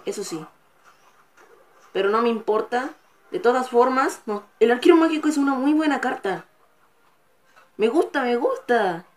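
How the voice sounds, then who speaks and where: A woman hosting a gaming channel, giving live gameplay commentary with excitable, frustrated outbursts and cursing at the game. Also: on the high side, moderate pace, long pauses.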